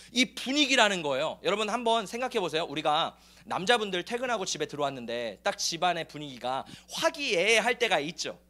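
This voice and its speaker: A male pastor preaching a sermon to his congregation, emphatic and lively, often calling out hallelujah and asking the listeners questions. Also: high voice. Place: church sanctuary.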